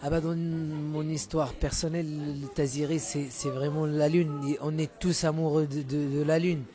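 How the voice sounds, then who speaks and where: A man's voice: a little high, little pitch movement, normal speed, mellow, faint music behind. A Moroccan musician, a man whose first language is Moroccan Arabic, talking casually in an interview and often repeating words while he searches for terms. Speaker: musician guest.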